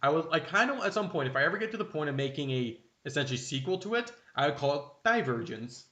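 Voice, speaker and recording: A man's voice: fairly high pitch, expressive, fast, bright, forceful tone. A young man from Canada, co-hosting a casual podcast and rambling with many self-interruptions. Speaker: podcast co-host. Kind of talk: casual chat. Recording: dull, roomy home recording.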